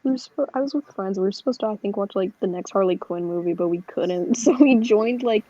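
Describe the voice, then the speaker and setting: A woman's voice: medium pitch, fast talker, warm tone, no echo, dull audio. A woman co-hosting a podcast in casual chat, giggling between phrases. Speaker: podcast host.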